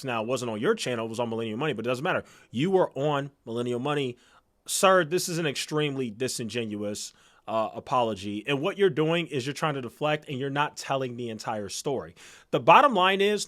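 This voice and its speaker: A man with a high voice ranting through reaction commentary. He scolds hard, and his voice keeps climbing into angry outbursts. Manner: angry, scolding, escalating to shouting.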